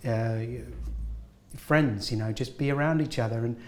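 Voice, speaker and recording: Male guest actor, mid-pitched, earnest and encouraging, recorded in an echoey room. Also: normal speed. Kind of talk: casual interview talk. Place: film studio at a school event.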